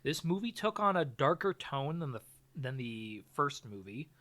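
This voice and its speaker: A man talks casually as a podcast co-host. His voice has an average male pitch. He banters in a wry way. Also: sing-song, normal speed, fairly bright tone. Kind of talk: casual comic chat and film recap.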